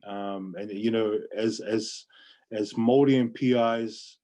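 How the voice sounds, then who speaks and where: A man's voice: lowish voice, steady tone, slow, warm tone. Earnest New Zealand man in his late forties. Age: late 40s. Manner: earnest, repeats phrases for emphasis, peppers talk with "bro". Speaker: podcast guest. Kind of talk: casual, candid personal chat.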